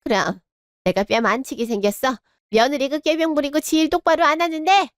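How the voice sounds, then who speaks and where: A woman's voice: high voice, steady tone, a little fast, dry recording, clean studio sound, lightly acted. A woman voicing a harsh, cruel older mother-in-law in a radio drama, scolding and contemptuous. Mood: scornful.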